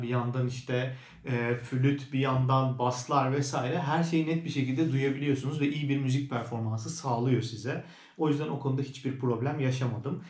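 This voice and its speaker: A man with a medium-pitched, somewhat dark voice reviews a product in a casual, conversational vlog style, explaining things as he goes. The recording has a roomy indoor echo.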